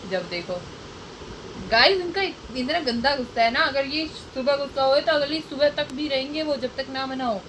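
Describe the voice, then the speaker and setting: A woman's voice: sits high, moderate pace, a bit bright, a little hiss or hum, low-quality recording. A young woman chatting casually in a couple's home vlog, teasing and laughing as she talks to viewers. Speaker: vlogger.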